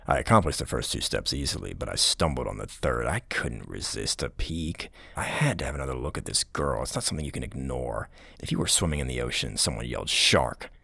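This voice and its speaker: A man narrating a scary story in a low, haunting, gravelly voice that at times sinks toward a breathy whisper. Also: lively intonation, fast, sharp tone, dry recording. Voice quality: deep, gravelly. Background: music.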